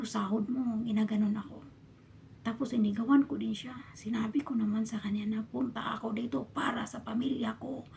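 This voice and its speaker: A woman from the Philippines, a domestic worker abroad, telling her story in a casual vlog and often dropping into a hushed whisper. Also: fairly high pitch, gravelly, slight background noise. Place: a bedroom in her employer's home.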